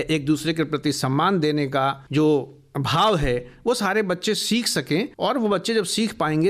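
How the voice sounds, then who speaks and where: A man being interviewed in a radio studio, speaking earnestly about education and listing ideas at length. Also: fairly high pitch. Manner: earnest, explanatory, builds long lists of values.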